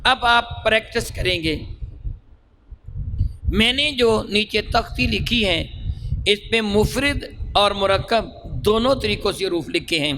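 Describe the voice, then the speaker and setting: A man teaching Quran reading in a lesson, stretching sounds out slowly as he demonstrates them and quizzing his listeners. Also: sits high, pushed and bright, low-quality recording.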